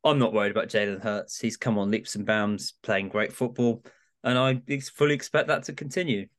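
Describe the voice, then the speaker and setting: A guest pundit on a sports podcast, this man speaks in a medium pitch, keeping the tone steady and the pace brisk. His delivery is conversational yet analytical, like an informal chat.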